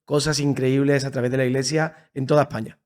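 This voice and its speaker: Here the Sevillian church leader, a man in his thirties with an Andalusian Spanish accent, talks fast at a medium pitch. Guesting on a podcast recorded in a Madrid creative studio, he recounts his story in a casual interview with lively warmth, enthusiasm and frequent repetition.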